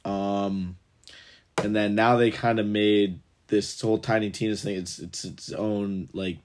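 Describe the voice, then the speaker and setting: Young guy w a lowish voice rambling on a gaming podcast, cussing, laughing a lot. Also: level tone, unhurried. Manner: loose and rambling, swears, laughs often. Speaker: podcast co-host. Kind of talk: casual gaming podcast chat.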